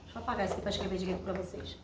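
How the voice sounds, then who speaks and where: A woman's voice: medium pitch, steady tone, racing. A Brazilian woman teacher giving a grammar lesson at a whiteboard, explaining step by step and checking in with her students. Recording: roomy echo, distant mic, faint hiss.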